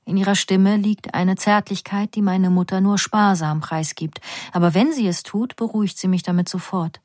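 A woman reading a first-person story aloud in a calm, measured, quiet voice. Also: mid-range voice, no echo, clean studio sound. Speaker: reader.

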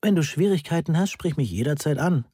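A man's voice: on the high side, expressive, normal speed, mellow, husky, no echo, studio quality, pitched above the performer's own voice. A man playing an aloof math lecturer. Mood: politely surprised.

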